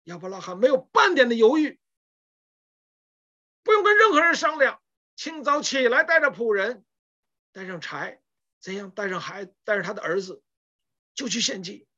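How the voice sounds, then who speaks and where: Lively high-voiced woman preaching a sermon. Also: normal speed, long pauses, dull audio. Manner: emphatic storytelling with rhetorical questions.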